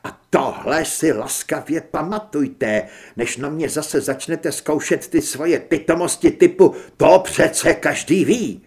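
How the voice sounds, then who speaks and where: A male narrator voicing an agitated young reporter who speaks forcefully and indignantly. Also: fairly high pitch, few pauses, lightly acted.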